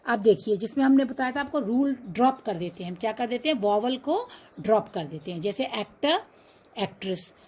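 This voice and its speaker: A woman's voice: on the high side, animated, fairly quick, darkish tone, poor audio. A woman teaching an English grammar lesson, explaining in Hindi mixed with English and checking understanding with questions.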